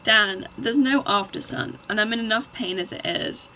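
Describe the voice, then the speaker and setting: A man's voice: sits high, normal speed, pushed and bright, a little hiss or hum, voice pushed up, rough recording. A woman reading the lines of a sunburnt, suffering young man in a fanfic. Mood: whiny.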